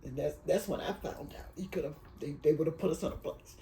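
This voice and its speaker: An elderly woman in her eighties, from Alabama and raised in Detroit, tells her family's story for an oral history. Her voice is dark and mellow, and her speech wanders and halts with emotion. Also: deep voice, slight background noise, rough recording. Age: 80s. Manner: rambling, emotional, halting.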